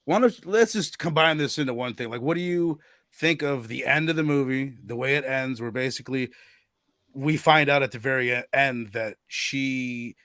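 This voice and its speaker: A young man hosts a casual movie review chat, lively and talkative. He often breaks into exaggerated voices to act out scenes. His voice is mid-pitched and recorded dry and close. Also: no room sound. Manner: animated, acts out movie lines in exaggerated voices. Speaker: podcast host.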